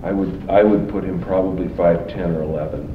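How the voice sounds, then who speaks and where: A man, a police officer, giving halting recorded testimony and often repeating himself. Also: deep voice, steady tone. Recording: roomy, distant, muffled, noisy archive tape.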